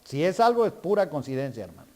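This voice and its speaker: A man's voice: fairly high pitch, very animated, fast, mellow. A male guest preacher delivering a sermon, calling for responses from the congregation and building to emphatic preaching.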